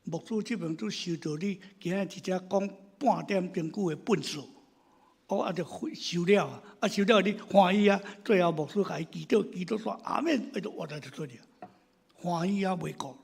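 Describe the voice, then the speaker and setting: A man preaching a sermon as pastor, telling stories in an animated way and swinging between loud exclamations and hushed asides. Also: sits high, normal speed, vocal fry, slightly rough. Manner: animated storytelling, acting out his congregants' complaints.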